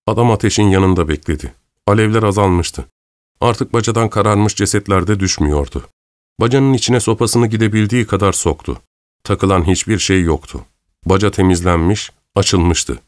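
Deep guy reading a scary story audiobook, slow dramatic telling, dead dry sound. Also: dry recording. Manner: measured, dramatic storytelling, voicing characters' lines lightly. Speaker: audiobook narrator. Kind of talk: scripted audiobook narration.

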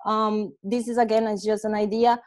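Speaking over an earphone headset on a video call, a young Portuguese-speaking woman from Brazil gives an informal online presentation as a software testing specialist, sounding conversational and hesitant. Her Brazilian-accented voice is mid-range and a little mellow, with little pitch movement and a moderate pace. She's indoors in a small room at home.

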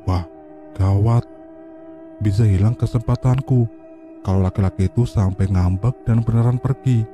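A man narrating a horror story, reading in a steady, even storytelling way. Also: lowish voice, normal speed, long pauses, music in the background. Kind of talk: scripted narration.

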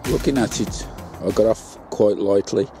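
A man with a fairly low voice talks at normal speed over music, chatting casually as he shows off his allotment work in a greenhouse. He's an allotment vlogger giving casual gardening vlog narration in a chatty, homely, plain-spoken way.

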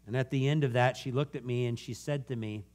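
A man preaching a sermon, earnestly telling a story that moves from animated to hushed. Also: medium pitch, brisk. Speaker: guest preacher.

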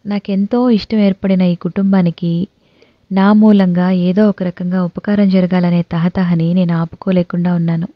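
Woman, audio novel narrator, first-person reading, expressive, lowish voice, dull dry sound. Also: normal speed, no room sound.

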